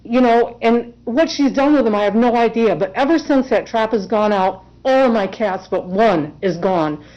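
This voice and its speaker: A woman's voice: a little high, moderate pace, hardly any pauses, a little mellow. Emotional woman testifying in court. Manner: emotional, earnest, insistent. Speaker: self-represented respondent in court. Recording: dull lo-fi courtroom recording.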